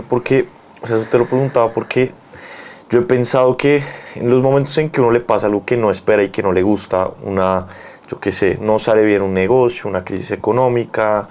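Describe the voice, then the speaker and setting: A man's voice: on the low side, darkish tone. A man with a Colombian accent hosting a casual conversation, reasoning aloud in a thoughtful way with examples.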